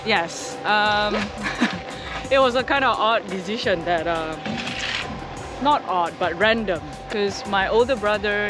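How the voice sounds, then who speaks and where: A young adult Indonesian woman with a medium-pitched voice appears as a guest in a relaxed interview. She speaks hesitantly, with lots of fillers and restarts.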